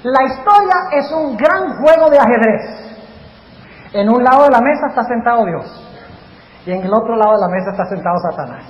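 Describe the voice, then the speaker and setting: High-voiced pastor preaching in an echoey hall. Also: male voice, fairly quick, lo-fi sound. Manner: animated, quizzes the audience with questions. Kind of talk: sermon. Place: large hall before a live audience. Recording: echoey hall, faint noise.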